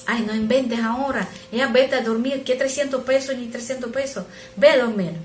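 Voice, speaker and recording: A weary working father , as a woman preacher acts him out, curt and short-tempered, then quiet and remorseful. Her voice stays near its usual middle pitch, with a roomy echo behind it. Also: normal speed, slight background noise, natural voice. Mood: irritated. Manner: gruff, then soft and remorseful. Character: tired, hard-working father, gruff then gentle.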